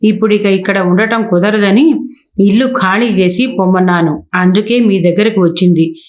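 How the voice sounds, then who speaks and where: A woman's voice: medium pitch, moderate pace, darkish tone, close to an everyday voice. A woman voicing a dutiful old mill manager. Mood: explaining. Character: older male mill manager, dutiful and cautious.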